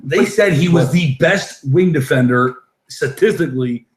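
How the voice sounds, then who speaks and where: A man's voice: on the high side, unhurried. A man in a casual basketball debate, questioning and arguing points like a fan on a panel. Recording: roomy echoing room sound.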